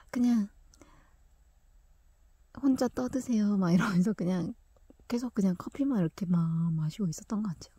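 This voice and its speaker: A woman's voice: medium pitch, warm tone, slightly rough, dry recording. A young woman telling a personal story in a chatty way, laughing often and dropping into whispered asides.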